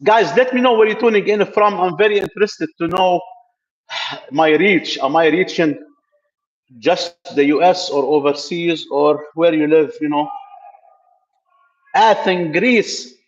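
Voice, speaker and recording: A middle-aged Lebanese man hosts a casual tech live stream from an indoor building gym, speaking loosely with lots of fillers and restarts. His voice sits on the high side, and he talks unhurriedly with long pauses. The audio has its highs cut off.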